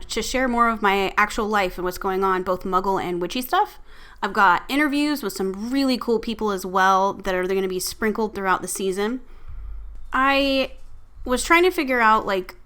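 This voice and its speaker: A woman's voice: mid-range voice, a bit bright, smooth. A woman in her forties hosting her own podcast, talking candidly and casually, swearing freely and laughing at herself. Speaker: podcast host. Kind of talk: casual solo podcast talk.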